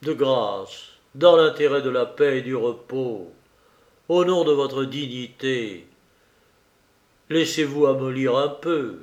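An anxious notary coaxes and pleads gently, in a male reader's voice. He goes slowly and keeps pressing his point. The sound is roomy and echoing. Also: medium pitch. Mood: coaxing. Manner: coaxing, gently insistent. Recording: echoey room.

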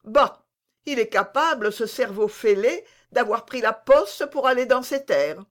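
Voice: medium pitch, animated, unhurried, a bit bright, pitched above the performer's own voice. A reader voicing a vain, petulant royal duke in an audiobook, haughty and fussy. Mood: scornful. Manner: haughty, fussy, easily swayed. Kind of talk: audiobook character reading.

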